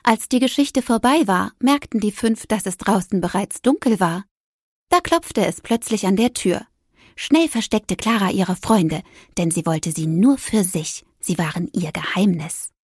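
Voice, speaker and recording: A woman narrating a children's story with gentle, lively storytelling. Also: medium pitch, unhurried, slightly rough, no echo, studio quality.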